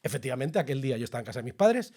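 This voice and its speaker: A man, co-hosting a podcast and telling a personal story in a chatty, animated way. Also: mid-range voice, very fast, breathy edge. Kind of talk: casual chat, then scripted narration over music.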